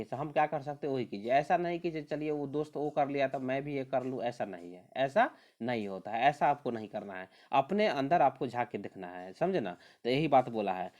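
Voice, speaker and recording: Male exam tutor, animated intonation, repetitive drilling style. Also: mid-range voice, dull audio. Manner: repetitive, drilling correct spellings; calls on listeners to remember. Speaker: teacher. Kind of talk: exam prep lesson.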